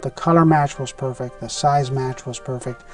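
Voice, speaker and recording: A man's voice: medium pitch, fairly even intonation, moderate pace, over music. A man, a surgeon, speaking in an interview in an earnest, explanatory way.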